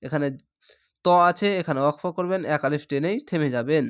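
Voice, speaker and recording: A man teaching Quran reading, spelling out each letter and vowel slowly and then blending them into words. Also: a little high, a bit bright, clear, resonant tone. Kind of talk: slow spelled-out recitation lesson.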